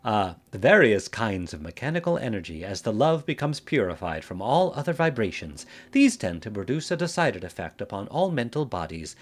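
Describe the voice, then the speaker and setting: A man voicing a talking plant that babbles nonsense phrases and makes clicking sounds. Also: mid-range voice.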